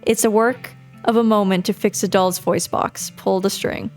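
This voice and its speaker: A woman's voice: medium pitch, steady tone, normal speed, darkish tone, soft background music. A woman doing casual video game playthrough commentary, reading the on-screen text aloud and adding her own remarks.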